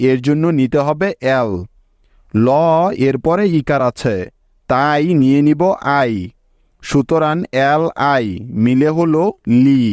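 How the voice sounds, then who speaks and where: A man's voice: a little high, a little mellow, no room sound, highs cut off. A man teaching a spelling lesson in a patient classroom style, often asking his students questions and answering them himself.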